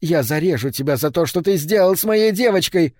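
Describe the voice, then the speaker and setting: A man's voice: animated, brisk, darkish tone, dry recording, studio quality, lightly acted. A man voicing a furious old woman who screams and curses at a young man in an audiobook reading. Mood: screaming fury. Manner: shrill, screaming and cursing. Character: furious screeching old woman, a worried mother.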